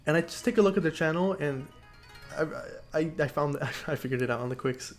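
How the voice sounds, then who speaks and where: A man's voice: a little high, fairly quick, faint music behind. A young man co-hosting a casual podcast, rambling with lots of fillers and restarts. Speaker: podcast co-host and YouTuber. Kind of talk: casual chat.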